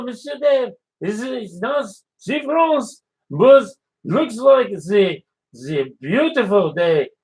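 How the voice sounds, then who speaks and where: Male radio host, high voice, unhurried and easygoing, casual local radio delivery. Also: poor audio. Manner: easygoing, reads weather and listener ads.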